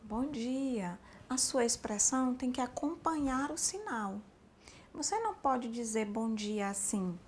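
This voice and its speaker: A woman teaching a sign language class, explaining each sign slowly and speaking straight to the learner. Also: a little high, lively intonation, a little mellow, slight background noise. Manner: slow, explanatory, addressing the learner directly. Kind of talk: spoken instruction for a sign language lesson.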